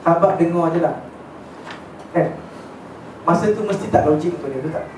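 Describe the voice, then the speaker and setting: High-voiced man lecturing in an echoey hall. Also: a little fast. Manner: chatty, checks in with listeners, mixes in English words. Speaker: religious teacher. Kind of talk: casual lecture storytelling. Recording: echoey hall, distant mic, faint noise.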